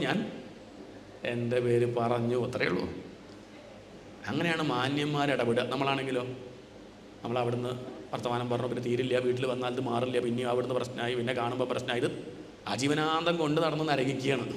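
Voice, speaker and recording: Spiritual teacher, male, mid-pitched voice, answers his own rhetorical questions; long hall reverb, faint background hiss. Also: steady tone. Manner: asks rhetorical questions and answers them himself; chants scripture lines slowly. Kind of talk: religious discourse. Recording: echoey hall with faint noise.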